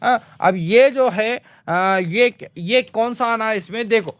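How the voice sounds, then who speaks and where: A high-voiced male teacher goes through exam questions. He asks each question aloud and answers it himself, with plenty of fillers and repeats. He slows to a crawl when reading English lines and presses viewers to comment fast. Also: a bit bright. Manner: urges viewers to comment quickly.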